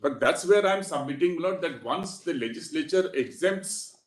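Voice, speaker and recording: Before the court, a man with an Indian English accent makes a formal, deferential legal argument as an advocate, repeatedly saying "my lord." His fairly high voice is animated at normal speed, and the courtroom audio is echoey.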